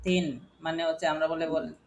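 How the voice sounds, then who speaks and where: A man's voice: fairly high pitch, level tone, fairly quick, creaky, muffled recording. A man with a Bangladeshi accent teaching a phonics lesson to a class, spelling words letter by letter and asking his students questions. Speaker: English teacher.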